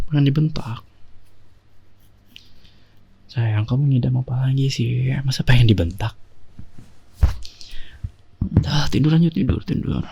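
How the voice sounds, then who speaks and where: A man in whispered role-play as an affectionate husband, talking softly and teasingly to his sleepy wife on a binaural mic. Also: fairly low pitch, creaky, breathy edge, heavily acted. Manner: soft, intimate, teasing. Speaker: ASMR performer.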